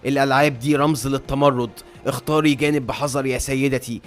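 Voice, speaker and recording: A man's voice: mid-range voice, fairly even intonation, fast talker, faint music behind, natural voice. A man voicing a cold, threatening nobleman who mocks his wife, with an Egyptian accent. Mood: menacing. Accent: Egyptian Arabic. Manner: mocking, threatening. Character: cold menacing nobleman husband, tyrant.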